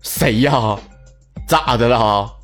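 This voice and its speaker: With a Northeastern Chinese (Dongbei) accent, a man hosts a comedy talk show, joking colloquially about listener messages and firing off rhetorical questions. His mid-range voice moves slowly over a loud music bed.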